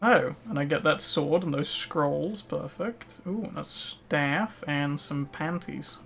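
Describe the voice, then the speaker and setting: A man's voice: on the high side, slow pace, gravelly, fairly bright tone, faint music behind. A man streaming a game, chatting casually and answering viewers with lots of "um" and "like.". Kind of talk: casual gameplay commentary.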